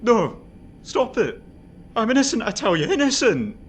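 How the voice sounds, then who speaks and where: A man's voice: sits high, animated, a little slow. An actor playing a desperate jailed young husband, pleading his innocence in an audio drama. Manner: pleading, anguished, breaking into outbursts. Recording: faint background noise.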